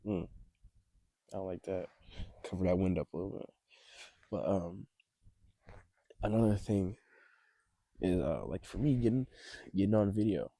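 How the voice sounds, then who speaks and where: Low, warm and husky, this young adult male voice has no room sound. He's a vlogger outdoors on a cold, snowy, windy beach, rambling casually with advice to camera, hesitant and reflective, his voice shaking as he shivers.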